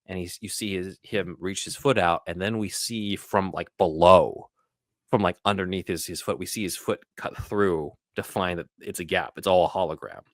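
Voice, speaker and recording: Hosting a casual film podcast, a man with a very low voice walks through things scene by scene, speaking in a halting, conversational way. The sound is dry and close, with no room sound.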